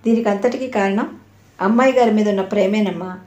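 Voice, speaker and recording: A woman voicing an elderly male household servant who speaks in a gentle, respectful and amused way. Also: mid-range voice, fairly quick, highs cut off, lightly acted. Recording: roomy echo.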